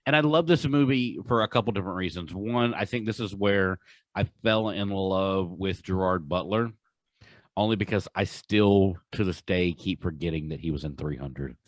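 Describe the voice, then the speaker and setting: A man with a fairly low voice chats casually as a podcast co-host, speaking at a normal speed. He sounds enthusiastic and emphatic, leaning hard on his favorite words. The recording is very dry, with no room sound at all.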